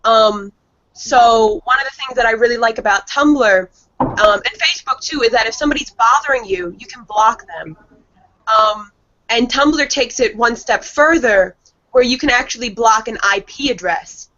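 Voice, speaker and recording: A woman speaking as a guest on an online panel, explaining her points in a measured way with frequent ums. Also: on the high side, pushed and bright. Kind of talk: casual panel discussion. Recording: lo-fi online call audio.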